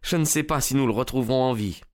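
A man voicing a distressed young gentleman in an audiobook, speaking higher and urgently. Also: fast talker, lightly acted.

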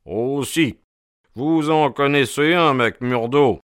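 Genial sharp detective, read by a man, assured and friendly, audiobook, dry sound. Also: mid-range voice, animated, slow, clear, resonant tone, no room sound, pitched above the performer's own voice. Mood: affable. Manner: affable, assured.

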